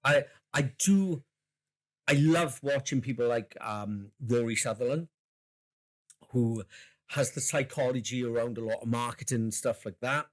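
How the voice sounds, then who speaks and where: A man's voice: mid-range voice, unhurried. A man co-hosting a podcast in casual chat, rambling and jokey, laughing often and swearing casually. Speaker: podcast co-host.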